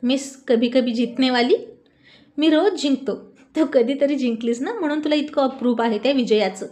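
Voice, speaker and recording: A woman's voice: sits high, moderate pace, a little mellow, lightly acted. A woman voicing a cocky teenage boy who teases and brags. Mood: smug. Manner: smug, mocking.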